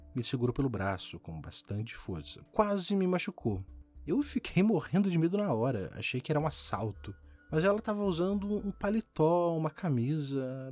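Man, podcast host, horror story narration, lively dramatic pitch, dry sound, faint music behind. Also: dry recording. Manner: dramatic, with sharp rises and falls for suspense.

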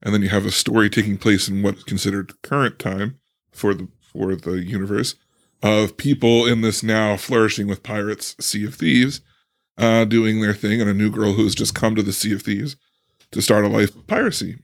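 Gravelly-voiced man, casual podcast chat. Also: lowish voice, steady tone. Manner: laughs often, halting restarts. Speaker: podcast co-host.

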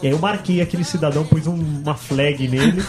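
A man's voice: fairly high pitch, fast, darkish tone, soft background music. Brazilian man telling crude stories. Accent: Brazilian Portuguese. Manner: crude, storytelling, joking banter. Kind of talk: casual chat.

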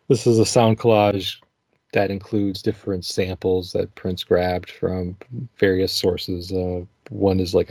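This low-pitched man co-hosts a music podcast, chatting casually and thinking out loud with fillers and laughter along the way. His manner is relaxed, and there's no echo on the recording.

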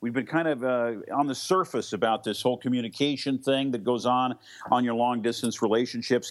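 A man co-hosting a talk radio show in a casual, rambling conversational way. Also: medium pitch.

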